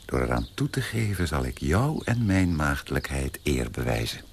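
A man playing a pompous, prim young gentleman in a radio play, turning indignant and shrill when shocked. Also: big pitch swings, moderate pace, creaky, a little hiss or hum, heavily acted. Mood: adoring.

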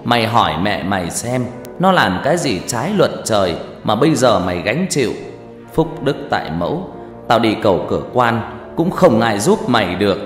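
A man voicing a spirit medium possessed by a stern dead grandfather, talking slow and heavy. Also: on the low side, sing-song. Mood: grave. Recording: reverberant room with faint music.

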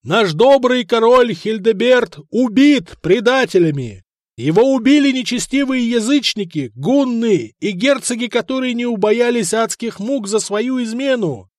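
A male narrator plays a ruthless, bold warrior-king who barks orders and rouses crowds. His voice sits high and forceful, and the recording is close and dry. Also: sing-song, moderate pace, no echo. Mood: proclaiming. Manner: brash, commanding, shouting orders.

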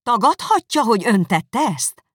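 An audiobook narrator voicing an indignant, sharp-tongued young woman who accuses emphatically and heatedly. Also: medium pitch, big pitch swings, husky, no room sound, studio quality, voice pushed up. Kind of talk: audiobook character reading.

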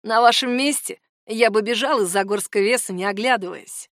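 Lady narrator doing a cocky teen boy, loud and mocking, pitched up high, dry close sound. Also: moderate pace, dry recording. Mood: taunting. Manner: loud, taunting outbursts. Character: brash scheming teenage boy, mocking and threatening.

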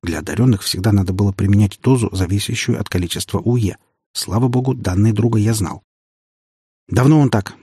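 A man reading a first-person audiobook in a steady, matter-of-fact manner. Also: lowish voice, fast talker, slightly rough. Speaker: audiobook narrator.

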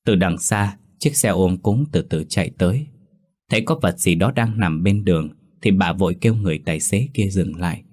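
A male storyteller reading a ghost story aloud in a steady, dramatic manner. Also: deep voice, normal speed. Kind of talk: scripted horror story narration.

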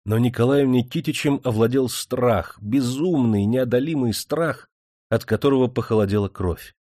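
A man with a medium-pitched voice narrates an audiobook from a script in a steady, measured storytelling style. The recording is studio quality with no room sound.

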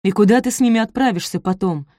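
A woman reading the part of an arrogant, angry young nobleman, loud and domineering. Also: medium pitch, fast, no echo, clean studio sound, voice pushed up, lightly acted.

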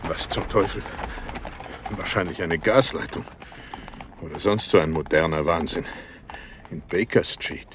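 An actor playing a loyal, easily startled gentleman doctor in a German radio play, indignant and sometimes stammering. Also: low voice, a little slow, pauses often, background noise. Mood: grumbling. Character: loyal, flustered, exasperated gentleman doctor, detective's friend.

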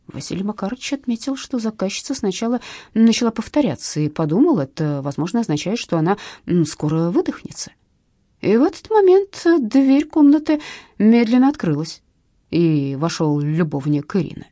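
A woman reading a comic detective novel aloud in measured, expressive audiobook narration. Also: medium pitch, dry recording, clean studio sound.

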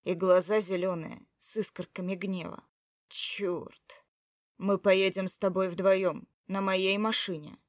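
A woman's voice: medium pitch, steady tone, slow pace, dry recording, natural voice. A woman reads a hot-tempered, protective man telling his own story in an audiobook. The delivery is brusque, with curses muttered under the breath. The sound is dry and close. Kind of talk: first-person audiobook narration.

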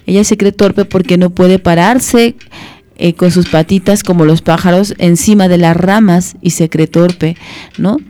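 A woman, a community radio host reading a children's story and explaining it in a gentle, teacherly way. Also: sits low. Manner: gentle, teacherly, many fillers.

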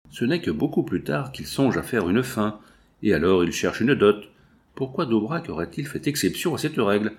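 Low-voiced man narrating a novel. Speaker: audiobook reader. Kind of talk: literary audiobook narration.

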